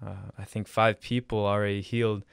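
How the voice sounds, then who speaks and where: A man's voice: on the low side, little pitch movement, fairly quick, smooth, no room sound. A young man, a pastor co-hosting a podcast, praying earnestly and chatting in a small studio on a close mic. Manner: earnest, with frequent fillers in prayer. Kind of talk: prayer and casual podcast chat.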